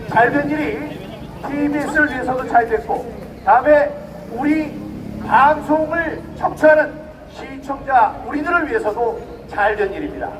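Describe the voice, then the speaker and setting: A middle-aged man giving an emphatic protest speech at an outdoor rally, firing rhetorical questions at the crowd. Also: very high-pitched. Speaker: rally speaker. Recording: distant mic outdoors, faint noise.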